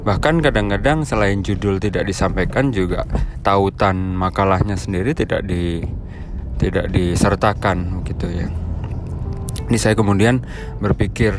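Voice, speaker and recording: A man with a slightly hoarse, gravelly voice, talking informally and haltingly as he explains things to colleagues on a solo podcast. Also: low-pitched, noisy background. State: hoarse today. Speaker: podcast host.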